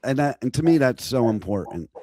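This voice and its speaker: Hoarse male radio host. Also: medium pitch, expressive, fairly quick, mellow, a little hiss or hum. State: hoarse, lost voice. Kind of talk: radio interview, casual chat.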